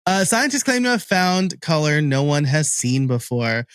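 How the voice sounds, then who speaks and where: A man with a New York accent, co-hosting a casual tech podcast, curious and quick to laugh. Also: a little high, sing-song, fairly bright tone, clean tone, dry recording. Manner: chatty, laughs often, curious musing. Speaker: podcast co-host. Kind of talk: casual chat.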